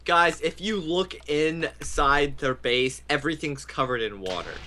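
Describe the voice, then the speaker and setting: A man bantering during a game, teasing his friends and breaking into excited shouts. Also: fairly high pitch, measured pace, slight background noise. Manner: teasing, jokey, bursts into shouts. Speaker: gamer co-host. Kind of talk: casual gaming banter.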